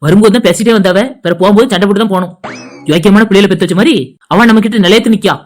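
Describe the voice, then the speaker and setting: A woman voicing a grumbling, sharp-tongued sister-in-law in a cartoon, with a Tirunelveli Tamil accent. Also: mid-range voice, racing, faint music behind, pitched below the performer's own voice, close to an everyday voice. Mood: hushed warning.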